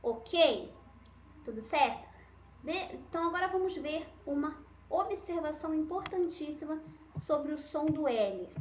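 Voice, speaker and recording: Brief: Brazilian woman, language teacher, high voice, keeps checking "ok?", echoey, slightly dull room sound. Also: animated, measured pace, slight background noise. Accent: Brazilian Portuguese. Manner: checks in often with "ok?" and "sí?". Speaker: Spanish teacher. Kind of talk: bilingual language lesson.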